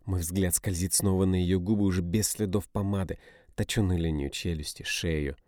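A man reading a first-person audiobook in a low, tense, brooding way. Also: fairly even intonation, normal speed, mellow, no room sound, clean studio sound. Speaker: audiobook narrator.

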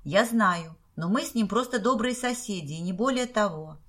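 A woman's voice: medium pitch, animated, normal speed, fairly bright tone. A woman reading the part of an earnest, modest young male student in a storybook.

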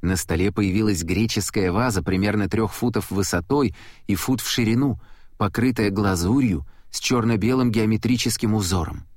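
A man narrating an audiobook in a steady, measured reading voice. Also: fairly low pitch, dry recording, clean studio sound.

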